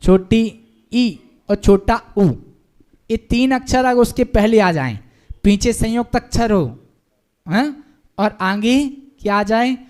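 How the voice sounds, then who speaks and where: A man's voice: high voice, a little mellow. A man teaching a Hindi-language devotional class, patiently drilling pronunciation by stretching out syllables and having the class repeat them. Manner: slow, drawn-out syllable drilling, patient and encouraging. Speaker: Jain monk teaching a class. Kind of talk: pronunciation lesson, call and repeat.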